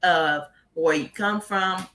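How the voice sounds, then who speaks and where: A woman from Haiti talks candidly in a casual interview, blunt and quick to laugh. Her voice sits low but sounds bright and forward. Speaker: guest.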